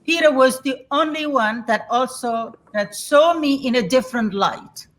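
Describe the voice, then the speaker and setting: A woman in her sixties from Somalia tells her story as a guest in a reflective interview conversation. She speaks in a high voice at a measured pace. She's candid and laughs easily.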